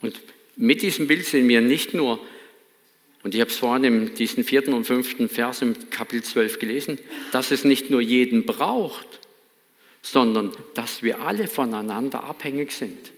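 German pastor preaching in a reverberant hall. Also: male voice, mid-range voice, normal speed. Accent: Baden German. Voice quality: earnest, emphatic preaching with repeated phrases. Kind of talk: sermon. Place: church hall.

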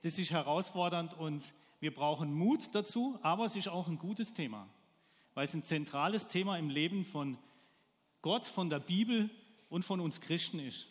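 A man's voice: a little high, moderate pace, husky, long reverb tail. A man preaching a sermon, telling an everyday story and putting questions to his congregation.

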